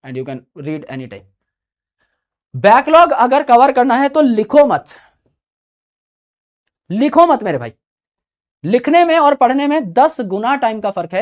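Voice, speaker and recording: A man's voice: very high-pitched, highs cut off. A man teaching in a chatty, informal lecture style, giving study advice and repeating his key points with emphasis.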